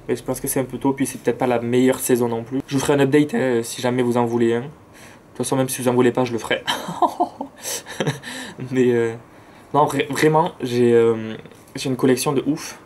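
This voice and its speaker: A man's voice: mid-range voice, level tone, brisk, warm tone, slight background noise. Chatty southern French man, outdoors. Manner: enthusiastic, chatty, slangy. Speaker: plant vlogger. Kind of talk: casual chat. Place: outdoors near a road with cars and planes.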